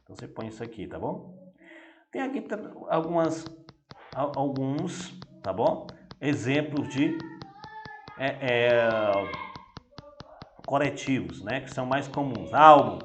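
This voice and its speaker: A man's voice: mid-range voice, lively intonation, takes it slowly, long pauses, a bit bright. A man teacher, patiently walking pupils through a grammar exercise and often checking they follow. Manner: patient, repeats "vai dar o quê?" and "né?". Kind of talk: recorded classroom lesson walkthrough. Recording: echoey room with faint noise.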